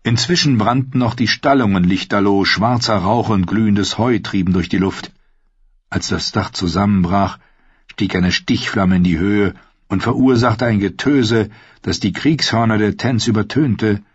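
A man reading a story aloud as an audiobook narrator, in a steady, even storytelling manner with a husky voice. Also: on the low side, moderate pace, no echo, muffled recording.

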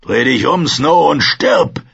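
A man's voice: on the high side, animated, slow pace, vocal fry, fairly bright tone, slightly rough, no room sound, highs cut off, voice pushed up, exaggerated voice. A man voicing a cold, stern veteran ranger in an audiobook. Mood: contemptuous.

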